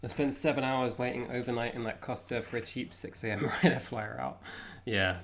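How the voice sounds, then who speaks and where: A man's voice: mid-range voice, brisk, fairly bright tone, a little hiss or hum. A young man with an English accent, hosting a casual live reaction, chatty and self-mocking. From England. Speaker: vlogger host.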